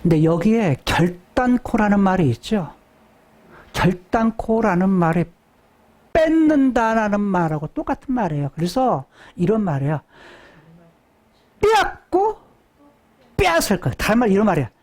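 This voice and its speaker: A woman's voice: mid-range voice, expressive, moderate pace, darkish tone. A woman pastor preaching a sermon. She asks questions and answers them herself, acts out quoted speech, and drops to whispers for emphasis.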